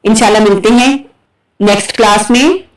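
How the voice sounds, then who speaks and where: A woman teaching Quran recitation, spelling syllables slowly one by one and breaking off into quick explanations. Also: medium pitch. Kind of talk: slow spelling-drill lesson. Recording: echoey room.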